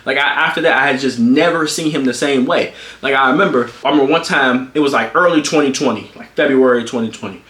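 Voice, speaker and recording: A young man in his twenties, a streamer, telling a story in a casual, animated way, swearing freely, his voice jumping high when he gets worked up. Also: fast talker, hardly any pauses. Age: 20s. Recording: roomy echo.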